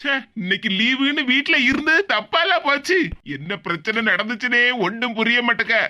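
A woman's voice: fairly high pitch, normal speed, bright, forceful tone. A woman voicing a confused, harried young husband caught between wife and mother in a cartoon, in a Tirunelveli Tamil accent. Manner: puzzled, flustered.

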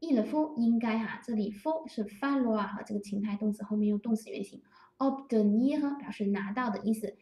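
Mellow-voiced woman teaching grammar, roomy echo. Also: medium pitch. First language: Chinese. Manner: patient, repeats and spells out example phrases slowly. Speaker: French teacher. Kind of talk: explaining grammar to learners. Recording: roomy echo, distant from the mic.

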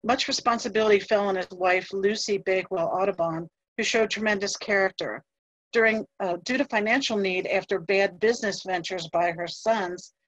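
A woman museum curator giving a scripted history presentation in a measured voice, with a few fillers as she reads from her notes. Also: mid-range voice, no echo, poor audio.

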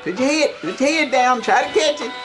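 A woman casually and excitedly coaching children through a home game, repeating her instructions with a giggly delivery. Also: sits high, fairly quick. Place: living room at home. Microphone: camera mic, behind the camera. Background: loud music.

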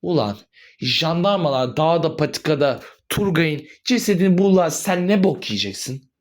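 A voice actor playing a quarrelsome middle-aged mother who scolds and curses in an animated drama. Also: medium pitch, lightly acted. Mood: accusing. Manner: scolding, cursing, quick to rage.

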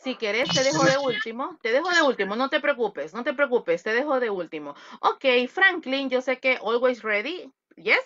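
A woman's voice: high voice, expressive, moderate pace, hardly any pauses, a bit bright, a little hiss or hum. A woman teaching an English class over a video call, coaching her students affectionately and explaining patiently. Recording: muffled video call audio.

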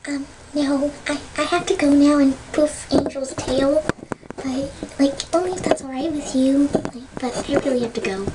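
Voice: high-pitched, steady tone, very noisy, natural voice. A girl doing a timid whispery pony. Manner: halting, stammering. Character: shy timid female pony, soft and hesitant.

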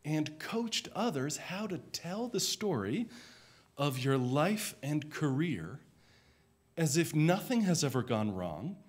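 A man who is a minister, giving a sermon in a reflective, measured way, his voice dropping softly at the ends of phrases. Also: on the high side, very animated, husky. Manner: slow, reflective, measured delivery.

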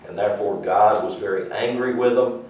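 An older man with a Southern US accent teaches a church class in a rambling, folksy, conversational way, using a lowish, darkish voice at a moderate pace. The far camera records him from a distance in the echoey small church classroom indoors.

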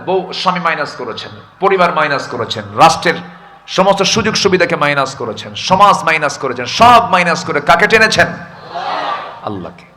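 A man's voice: fairly high pitch, pushed and bright, a little hiss or hum. A male preacher giving an impassioned sermon, chanting scripture verses and putting questions to the listeners.

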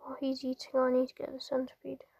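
A woman's voice: sits high, completely flat delivery, fast, a little mellow, breathy edge, no echo. A woman gamer giving playful, jokey gameplay commentary to her viewers. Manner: chatty, jokey, talks to viewers.

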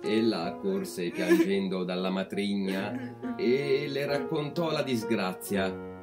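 A man reading a fairy tale aloud as a storyteller, calm and measured. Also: low-pitched, music in the background.

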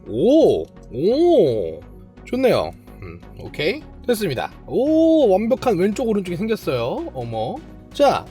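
A model kit reviewer giving hands-on build commentary, chatty and talking to themself while building, playfully boastful and quick with excited exclamations. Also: mid-range voice. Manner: playfully boastful, self-praising.

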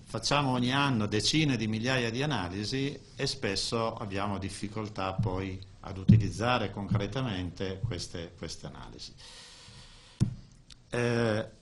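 Older guy presenting at a conference desk mic, lowish voice, lots of stops and restarts. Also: slight background noise. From Italy. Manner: halting, with frequent restarts and fillers. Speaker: conference speaker. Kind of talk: technical presentation. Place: conference room, indoors. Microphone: desk microphone.

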